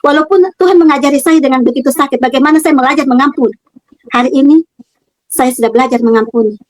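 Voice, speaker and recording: A middle-aged woman with a high voice tells her personal religious testimony, speaking earnestly and haltingly, circling back over words and pausing on fillers. The sound is dry and close, recorded in her own room. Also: dry recording, rough recording. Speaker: convert giving a testimony.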